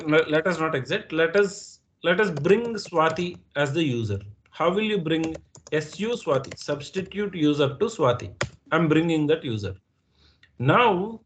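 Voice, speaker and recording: A man's voice: a little high, slight background noise. A man with an Indian English accent teaching a live online class, patiently repeating points and checking that students understand. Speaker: instructor.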